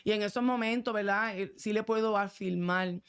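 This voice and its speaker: A woman pastor telling her testimony in an earnest, heartfelt way. She speaks at an everyday middle pitch and often drops little asking asides to her listener as she goes. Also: steady tone, normal speed, smooth. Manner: earnest, fervent, many filler asides. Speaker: pastor, guest. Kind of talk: testimony in casual chat.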